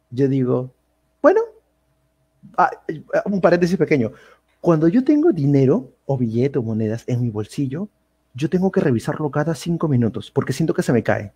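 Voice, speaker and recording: A young man, a guest telling his story in a casual, animated interview and acting out the dialogue. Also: on the high side, a little fast, husky, lo-fi sound. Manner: animated retelling full of quoted dialogue.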